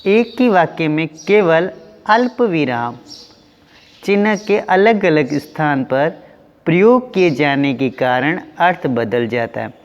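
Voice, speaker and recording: A man teaching an online class to young pupils, going slowly and repeating each question with its answer. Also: on the high side, lively intonation, long reverb tail, highs cut off. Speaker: school teacher.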